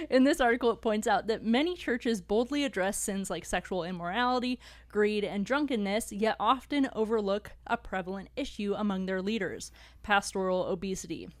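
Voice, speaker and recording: A young woman co-hosts a podcast from a studio table. She chats casually and laughs often, then reads a written summary in a smooth, even way. Her voice sits at a middle pitch, recorded close and dry. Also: moderate pace, dry recording. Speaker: podcast host. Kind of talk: casual chat and reading an article summary.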